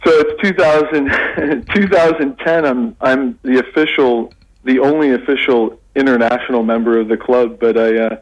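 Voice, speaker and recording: A Canadian man, middle-aged, talking as a phoned-in radio guest, halting with many restarts and fillers. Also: mid-range voice, steady tone, lo-fi sound. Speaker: radio guest, English lecturer.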